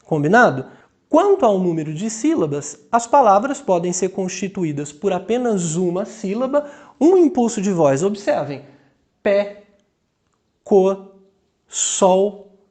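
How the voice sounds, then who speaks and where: A man's voice: high voice, very animated, darkish tone. A man with a Brazilian Portuguese accent teaching a grammar lesson. He draws out example words syllable by syllable and keeps checking in with the class. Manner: slow, deliberate, drawing out example words syllable by syllable.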